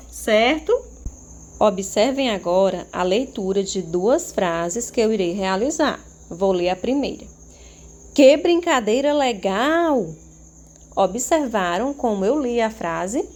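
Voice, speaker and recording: A Brazilian schoolteacher speaks to young pupils at a mid pitch, stretching her words and asking question after question. Her tone stays patient and expressive throughout, with crickets chirping faintly in the background. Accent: Brazilian Portuguese. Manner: slow, expressive, questioning teacher talk with rhetorical questions. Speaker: primary school teacher. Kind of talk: recorded remote lesson for young children.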